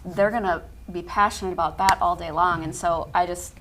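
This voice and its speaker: A woman's voice: lowish voice, fairly even intonation, brisk, background noise. A woman radio guest speaking passionately and gushing, with frequent fillers. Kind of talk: talk radio interview.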